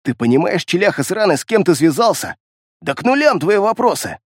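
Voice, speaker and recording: Frantic beast-man, man doing it, high-pitched, wildly swooping, pleading and babbling, dry close sound. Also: very animated, brisk, no room sound, heavily acted. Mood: snarling. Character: terrified, crazed male beast-man captive.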